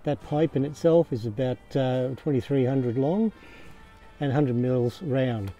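Outdoors at home next to his caravan, a man from Australia shows off his camping kit on camera in a relaxed, casual way, dropping lots of ums and uhs. He's a camping vlogger with a dark, mid-range voice, and soft music sits in the background.

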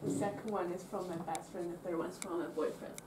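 A woman's voice: fairly low pitch, steady tone, quick pace, roomy sound. A young woman from China giving brief, offhand interview answers. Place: small dormitory bedroom. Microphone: far camera. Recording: distant, loud hiss and clicks.

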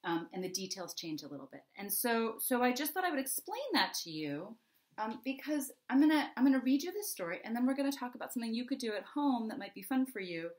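Very animated and quick, with a voice on the high side, a middle-aged American woman who writes children's books talks young kids through things before a story reading. Her manner is simple, conversational and instructive. She speaks from her home office indoors into a webcam microphone at desk distance.

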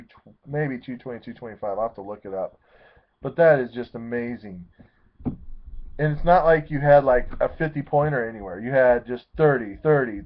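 A man in his thirties giving a casual, rambling recap of his fantasy football league from his home webcam, often correcting himself and getting excited. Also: mid-range voice. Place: small room at home, seated in a leather chair. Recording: tinny, phone-like webcam audio.

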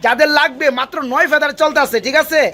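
A man's voice: very high-pitched, steady tone, fast, pushed and bright. A man with a Bangladeshi accent hosting a sales video in a hard-sell manner, repeating prices and offers. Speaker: video host.

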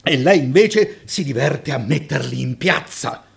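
Male reader as a bragging old cabbie, rambling, chuckling, lively pitch. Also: a little slow, vocal fry. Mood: boastful. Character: crude, chatty older male taxi driver, grandfather.

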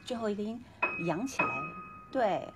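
A woman's voice: on the high side, huge pitch swings, moderate pace. A woman piano teacher coaching a student, singing and humming phrases as she explains. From China. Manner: coaching, sings melodies and hums phrases. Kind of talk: piano masterclass instruction. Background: piano playing.

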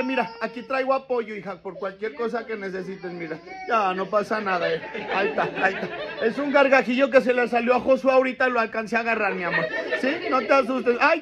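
A man with a Mexican accent performing a comic clown routine at a birthday party, teasing and joking, often shouting to the crowd. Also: extremely high pitch.

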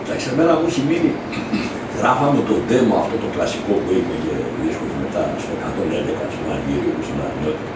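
A man's voice: low voice, big pitch swings. A man telling an anecdote about recording a demo, chatting loosely and quoting the people who were there. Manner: chatty anecdote with quoted asides. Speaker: musician, guest. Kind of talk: casual storytelling. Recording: echoey room, distant mic, noisy.

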